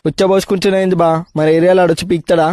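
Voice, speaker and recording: A cocky young man talks fast and high, teasing in quick banter. Clear background noise runs through the street comedy skit recording. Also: level tone.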